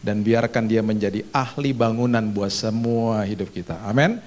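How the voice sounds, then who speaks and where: A middle-aged male pastor preaching a sermon with a personal testimony, telling the story in a lively way and acting out voices with sudden loud, high bursts. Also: normal speed, noisy background.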